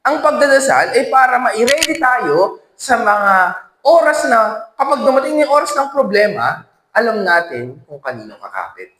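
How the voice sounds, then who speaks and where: A man's voice: very high voice, moderate pace, roomy sound, slight background noise, low-quality recording. A man giving a church teaching talk, telling stories and often asking the audience questions. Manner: animated storytelling with frequent questions to the audience. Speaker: speaker at a faith formation session.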